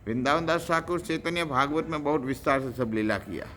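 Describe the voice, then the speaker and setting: A man's voice: on the high side, a little fast, fairly bright tone, a little hiss or hum. A man preaching a devotional lecture, telling stories animatedly, acting out characters and chanting verses.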